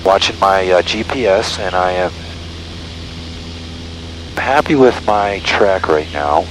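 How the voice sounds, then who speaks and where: A male pilot with a low voice chats slowly and casually over an aviation headset, talking himself through tasks as he narrates his own flying. He's in the cockpit of a small propeller plane in flight, with loud, steady cabin noise throughout.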